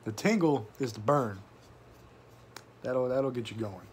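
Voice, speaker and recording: A man's voice: mid-range voice, animated, unhurried, slight background noise. A man giving a casual, sweary, folksy review to camera, talking with a tobacco pouch tucked in his lip. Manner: casual, profanity-laden, folksy slang. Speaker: product reviewer.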